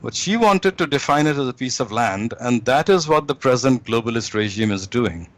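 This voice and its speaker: A man speaking as an interview guest, holding forth in a measured, deliberate lecturing way, often pausing on fillers. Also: medium pitch, lively intonation. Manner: measured, deliberate, with frequent hesitations. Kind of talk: lecturing commentary.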